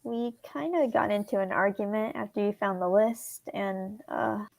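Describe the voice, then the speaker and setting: A woman voicing a worried teenage boy, reading a fan script aloud in an earnest, hushed way. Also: medium pitch, moderate pace, creaky, no room sound, lightly acted. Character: worried teenage boy confiding about a friend.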